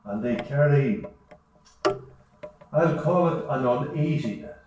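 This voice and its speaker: A man's voice: mid-range voice, expressive, takes it slowly, noisy background. A man preaching a sermon in a meeting hall, earnest, with a repeating preaching cadence. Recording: echoey hall, distant mic.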